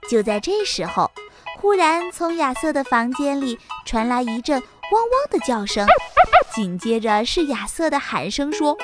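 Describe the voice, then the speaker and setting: Lively woman storyteller for children. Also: sits high. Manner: lively, expressive, slow. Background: children's music.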